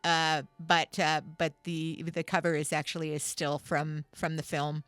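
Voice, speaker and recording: Low-voiced woman, rambling stories. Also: flat delivery, measured pace, fairly bright tone, dry recording. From Canada. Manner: rambling storyteller, lots of fillers and restarts. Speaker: guest musician and writer. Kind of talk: casual studio interview. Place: radio studio.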